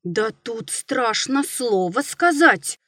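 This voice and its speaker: Woman reading grumbling old grandfather, stubborn, slow-spoken, dry close voice, storybook. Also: a little high, lively intonation, a bit bright, no echo, exaggerated voice. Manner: grumbling to himself.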